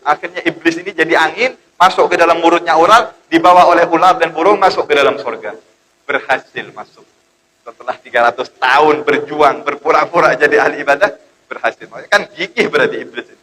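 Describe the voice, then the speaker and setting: A male preacher telling a sermon story in an animated, dramatic way. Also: fairly high pitch, brisk, a crowd in the background, rough recording.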